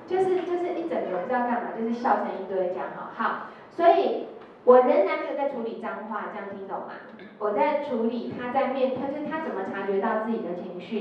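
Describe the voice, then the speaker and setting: A woman's voice: on the high side, slight background noise. Taiwanese-accented woman lecturing in an echoey hall. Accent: Taiwanese Mandarin. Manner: storytelling, acting out quotes, tag particles. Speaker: educator leading a workshop. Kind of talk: lecture with told anecdotes. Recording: echoey hall, distant lo-fi sound.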